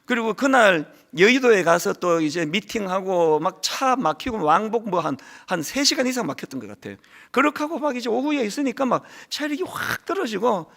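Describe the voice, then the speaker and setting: Lively high-voiced male pastor preaching. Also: vocal fry. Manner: animated storytelling with acted quotes. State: lingering cold. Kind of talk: sermon.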